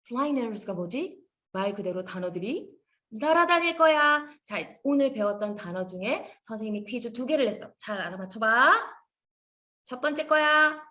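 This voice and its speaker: Animated woman teaching young children. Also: on the high side, normal speed. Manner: animated, sing-song and encouraging. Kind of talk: demo lesson for young children.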